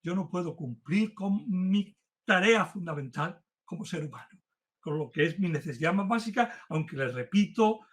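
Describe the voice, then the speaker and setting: A man lecturing on philosophy in an earnest, insistent way. His voice sits a little high for a man, and he leans hard on key words as he builds toward each point. It sounds like a formal talk given to a remote audience. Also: expressive, moderate pace. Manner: earnest, emphatic, building intensity as he warms up. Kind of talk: university-style lecture. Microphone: remote talk to a virtual audience.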